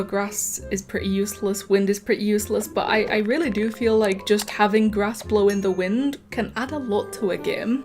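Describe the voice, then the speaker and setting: A woman hosting a gaming channel, chatting casually with wry, mock-hyped joking over a close mic. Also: a little high.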